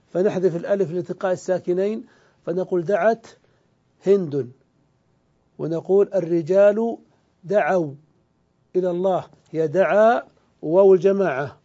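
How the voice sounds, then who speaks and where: A man teaching an Arabic grammar lesson, explaining step by step, asking questions and answering them himself, and drawing out the example words slowly. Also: high-pitched, warm tone, muffled recording. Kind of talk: classroom grammar lecture.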